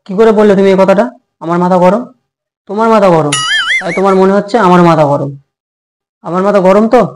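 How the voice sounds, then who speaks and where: A man playing a short-tempered young husband in a comic home drama, snapping and quick to take offence. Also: sits high, noisy background, natural voice. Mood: indignant.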